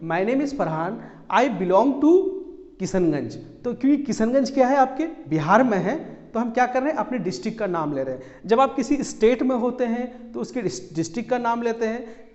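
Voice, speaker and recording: High-voiced man teaching English, reverberant room. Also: darkish tone, dull audio. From Bihar, India. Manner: explains slowly, repeats phrases, asks "right?". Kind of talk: spoken English lesson.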